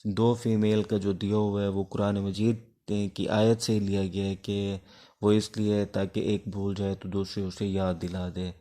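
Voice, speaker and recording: Speaking with a Pakistani accent, a male law teacher lectures informally, hesitating as he explains and blending in English terminology while answering his own questions. His delivery is flat, with a fairly low pitch and dark tone.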